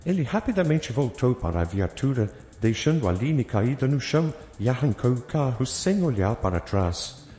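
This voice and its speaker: A man's voice: mid-range voice, big pitch swings, normal speed, dark tone. A man narrating a dramatic, suspenseful story in a scripted style. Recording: echoey, with faint background music.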